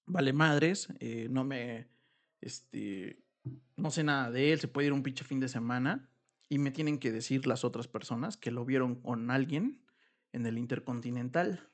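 A man with a Mexican Spanish accent casually retelling a horror story, acting out the characters' argument in slangy, animated talk. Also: mid-range voice, a little slow. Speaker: podcast host.

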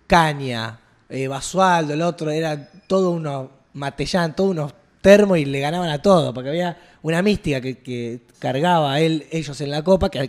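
A man with an Argentine Rioplatense accent, co-hosting a casual chat, teasing, joking and slangy. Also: medium pitch. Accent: Argentine Rioplatense Spanish. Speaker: podcast co-host.

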